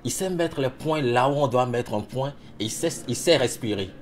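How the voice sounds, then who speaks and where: A man's voice: medium pitch, lively intonation, normal speed, slight background noise. A man speaking emphatically as an interviewee, repeating phrases for rhythm. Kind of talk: impassioned testimony.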